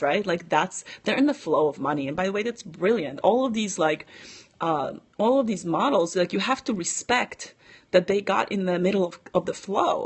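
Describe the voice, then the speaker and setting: A woman's voice: fairly low pitch, husky. A middle-aged woman giving casual, chatty money advice on a live stream, with many fillers, stopping now and then to answer viewer comments.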